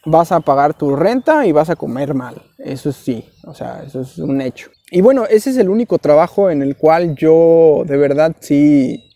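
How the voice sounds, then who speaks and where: A man's voice: a little high, lively intonation, normal speed, few pauses, mellow, no room sound. A young Mexican man with a Mexican Spanish accent, giving rambling, slang-filled casual advice in a vlog. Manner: slangy, rambling, keeps saying güey. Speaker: vlogger.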